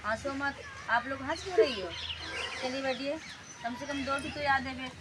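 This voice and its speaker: A woman's voice: high voice, normal speed, heavy background noise. A woman playing a teacher who quizzes children on English words, scolding them sternly and repeating her questions. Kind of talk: scolding classroom skit.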